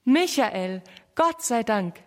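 A woman reads a fond aunt speaking gently to a little boy in a storybook, in a soft everyday tone close to her own voice. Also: a little high, lively intonation, slow pace, in a large hall. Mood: relieved. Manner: fond, soothing. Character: relieved, loving aunt.

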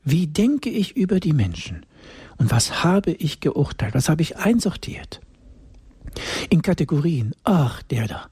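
Very husky, lively sermon voice. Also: medium pitch, unhurried, no echo, studio quality. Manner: emphatic, repeats key phrases, drops into breathy whispers.

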